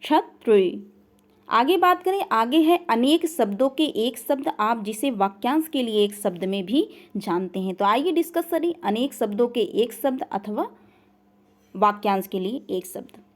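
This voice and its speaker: A woman's voice: fairly high pitch, lively intonation, moderate pace. A woman teaching an online grammar lesson, asking the learners questions and then answering them herself, over and over. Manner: repeats questions and makes the learner answer back. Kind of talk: online class lecture.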